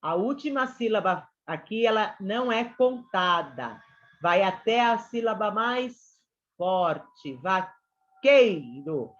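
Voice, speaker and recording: A Brazilian woman teaches an online class, talking to her students in a chatty, checking-in way. Her voice sits at an ordinary middle pitch. The sound is a bit dull and lo-fi, as from a computer mic on a video call. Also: animated, takes it slowly, fairly bright tone. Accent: Brazilian Portuguese. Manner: chatty, addresses students as "gente" and "galera".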